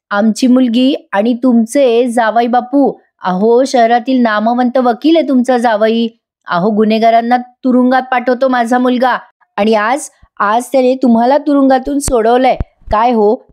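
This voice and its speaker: A woman's voice: fairly high pitch, moderate pace, a little mellow, lightly acted. A woman voicing an indignant older father. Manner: scolding, indignant. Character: stern older father, proud of his lawyer son.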